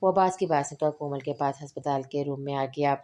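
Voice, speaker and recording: A woman's voice: deep voice, a little fast, warm tone. A woman reading a romance novel aloud, voicing every character's lines in her own voice. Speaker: novel narrator.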